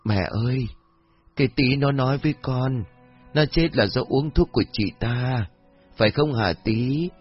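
A man's voice: medium pitch, measured pace, breathy edge, pitched above the performer's own voice. A man voicing a deranged young mother who coos to an empty blanket, in an eerie sing-song way. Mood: manic accusing. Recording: dull lo-fi audio with faint music.

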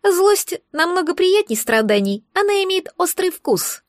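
A woman's voice: extremely high pitch, very animated, a little slow, dry recording, studio quality, voice pushed up, exaggerated voice. A woman voicing a sarcastic, nosy talking egg creature in a fantasy audiobook. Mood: mocking. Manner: sarcastic, needling.

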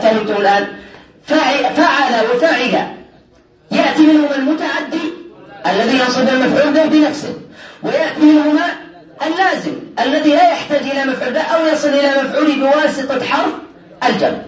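Guy with a really high voice teaching class, keeps asking the students questions, sounds far from the mic. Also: fast talker. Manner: keeps quizzing students and checking they follow. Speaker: teacher of Arabic grammar. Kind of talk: classroom lecture. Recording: echoey room, mic far off.

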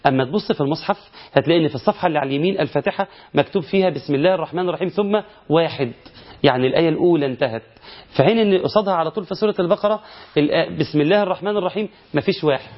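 Egyptian male recitation teacher, rapid explanations broken up by slow chanted verses, muffled lo-fi recording. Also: on the high side. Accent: Egyptian Arabic. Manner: explains errors, then chants verses slowly. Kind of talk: recitation lesson. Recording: dull lo-fi recording.

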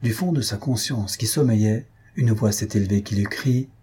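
A man reading a French short story aloud as narrator, measured and dramatic, lifting his voice for the characters' shouts. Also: on the low side, husky. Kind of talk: scripted audiobook reading.

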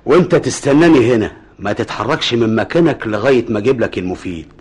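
A smug Egyptian schemer. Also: male voice, medium pitch, expressive, fast talker, slightly rough. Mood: smug, scheming. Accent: Egyptian Arabic. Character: sly, confident male schemer. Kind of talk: radio drama acting.

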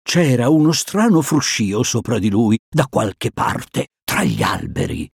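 Slow, lively storybook narrator man. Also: medium pitch, creaky, slightly rough, no room sound, clean studio sound. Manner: animated, sing-song storytelling. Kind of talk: storybook reading.

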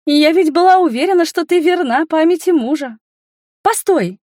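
A woman voicing a lively, impulsive young woman friend who speaks with eager, teasing exclamations in an audiobook. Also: very high-pitched, dry recording, clean studio sound, pitched above the performer's own voice. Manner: excited, teasing, quick to exclaim. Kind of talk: audiobook character voice.

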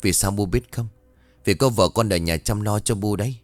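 A man voicing a young husband in a hurry, talking quickly and mildly impatient. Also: on the low side, dry recording, faint music behind, natural voice. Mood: hurried.

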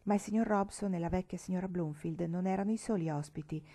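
A woman reading a classic novel aloud as an audiobook, narrating in first person in a measured, expressive way. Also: fairly low pitch. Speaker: audiobook reader.

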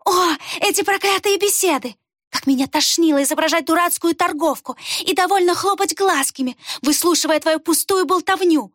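Woman voicing a spiteful fox murderess, high and hissing. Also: expressive, very slow, few pauses, dry recording, studio quality, full character voice. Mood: venomous fury. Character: venomous cunning female fox killer.

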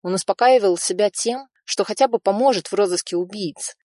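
A woman narrating an audiobook in an even, measured reading. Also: medium pitch, dry recording, studio quality.

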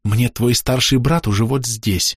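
Man putting on a soft cooing peasant mother, higher voice, lively, dry close sound. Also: measured pace, husky, no room sound. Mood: harried. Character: tender young peasant mother, cooing and weary.

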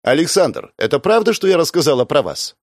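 A man's voice: medium pitch, very animated, normal speed, darkish tone, no echo, studio quality, natural voice. A man voicing a cool, ruthless woman first mate who addresses a crowd firmly. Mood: commanding.

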